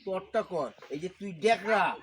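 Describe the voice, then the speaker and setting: A man's voice: high voice, expressive, measured pace, a little hiss or hum. A man playing a greedy, bullying old husband. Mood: scolding. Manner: harsh, scolding, shouting. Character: older man, greedy bullying husband demanding dowry money. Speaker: actor. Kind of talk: amateur short film acting.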